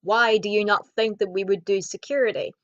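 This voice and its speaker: A young woman vents in a blunt, sweary rant straight to camera. Her voice sits at a middling pitch. The audio is dull and lo-fi, like a cheap home recording. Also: fairly even intonation, fairly quick. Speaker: vlogger. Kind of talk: ranting casual vlog.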